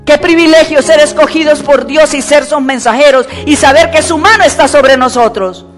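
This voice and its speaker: A woman's voice: high voice, normal speed. A woman preacher, delivering an emphatic sermon and repeating key words for stress. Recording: echoey church hall with faint music.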